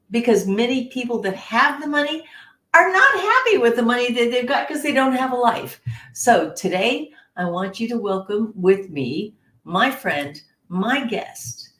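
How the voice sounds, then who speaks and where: A woman hosting a podcast interview, chatty and animated, with playful asides. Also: fairly high pitch. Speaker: podcast host. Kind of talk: casual interview talk. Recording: roomy echo.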